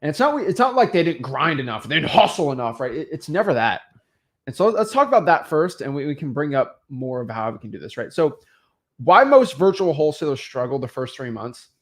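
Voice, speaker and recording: A young man who coaches real estate online hosts a motivational talk, driving his points home with rhetorical questions and constant "right?" check-ins. His voice sits somewhat high for a man, swings widely in pitch, and stays emphatic, lively, and brisk.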